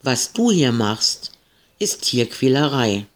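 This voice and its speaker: A man's voice: fairly high pitch, expressive, slow pace, a bit bright, voice pushed up. A man voicing a stern but caring housemaid woman who scolds firmly. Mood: scolding. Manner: scolding, firm.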